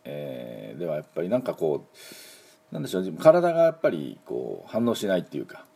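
Deep husky man teaching English casually. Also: quick pace. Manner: relaxed, chatty, many fillers and asides; leads call-and-repeat pronunciation drills. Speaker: English teacher and show host. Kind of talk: casual spoken English lesson.

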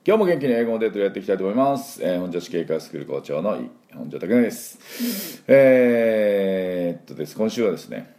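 A man's voice: fairly low pitch, big pitch swings, a little fast, dark tone. A man running an English pronunciation lesson as the school's principal, drilling sounds aloud and having listeners repeat after him in a chatty, encouraging way. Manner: chatty and encouraging, with filler words.

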